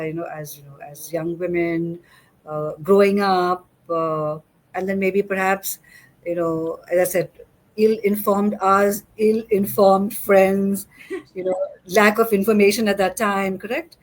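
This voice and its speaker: A woman's voice: mid-range voice, fairly even intonation, a little slow. A middle-aged woman hosting a casual interview chat, talking in a chatty way with many fillers and restarts. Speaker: host.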